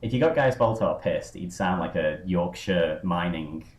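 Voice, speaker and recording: A man's voice: low-pitched, animated, normal speed. A man hosting a podcast, rambling through a casual chat with lots of fillers and tangents. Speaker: podcast host. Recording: roomy echo.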